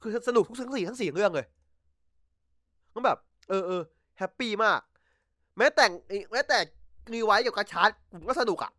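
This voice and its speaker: A man hosting a casual podcast from home over a voice chat call, recapping episodes in an excitable, slangy way and swearing freely. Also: sits high, moderate pace, long pauses, no echo, studio quality. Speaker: podcast host. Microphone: computer mic over voice chat.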